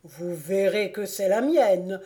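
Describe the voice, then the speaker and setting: A woman voicing a stern elderly male schoolmaster in an audiobook, scolding loudly and with biting irony. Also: fairly low pitch, slow. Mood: outraged. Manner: thundering, ironic scolding. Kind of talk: audiobook character voice.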